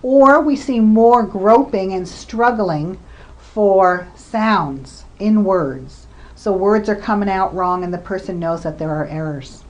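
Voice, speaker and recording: Speaking slowly in a mid-range, darkish voice, a woman researcher presents a recorded lecture on communication disorders. She explains ideas, gives examples, and now and then drops in a filler.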